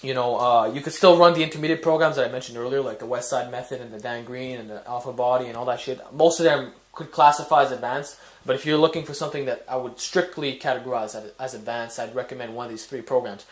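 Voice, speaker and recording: A man's voice: medium pitch, fairly even intonation, fast, few pauses. A man hosting a fitness video, giving blunt, casual training advice with frequent fillers and swearing. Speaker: fitness channel host.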